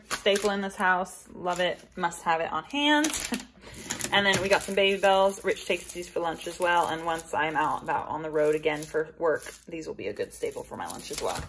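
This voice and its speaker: Handling items in her home kitchen, a vlogger in her thirties chats casually through a grocery haul. Her voice is lowish and a bit bright, with slight background noise in the recording.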